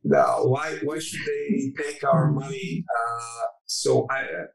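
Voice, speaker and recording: A man's voice: mid-range voice, steady tone, takes it slowly, vocal fry, roomy sound, far from the mic, a loud crowd, rough recording. A man, a venture fund partner, speaking earnestly and persuasively in a podcast interview. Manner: earnest, persuasive, appealing to listeners.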